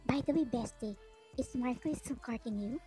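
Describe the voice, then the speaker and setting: A woman's voice: on the high side, moderate pace, dark tone, soft background music, natural voice, low-quality recording. A woman voicing a chatty young woman best friend in a fan fiction voiceover. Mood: gossipy.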